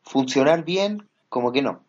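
A man's voice: medium pitch, lively intonation, measured pace, darkish tone, dull audio. A man in a casual chat, talking hesitantly with many fillers as he explains things.

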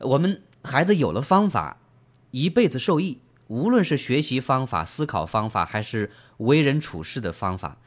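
A man's voice: medium pitch, big pitch swings, normal speed. A man hosting a book club, explaining and retelling in trained standard Mandarin with frequent fillers and questions to the listener. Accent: standard Mandarin, broadcast-trained. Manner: gentle storyteller, asks listeners rhetorical questions. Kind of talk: book reading and discussion.

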